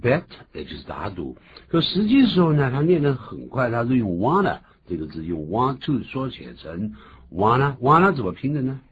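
A man's voice: medium pitch, big pitch swings, moderate pace. A man hosting a bilingual radio language lesson, explaining pronunciation in an emphatic, teacherly way. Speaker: radio English lesson host. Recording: tinny phone-like band, faint noise.

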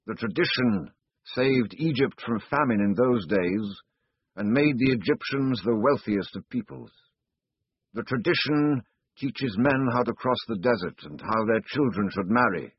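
A man's voice: mid-range voice, breathy edge, no echo, voice pushed up. A man doing a stern old desert chieftain. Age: older. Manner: slow, grave, deliberate. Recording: dull, dry studio sound.

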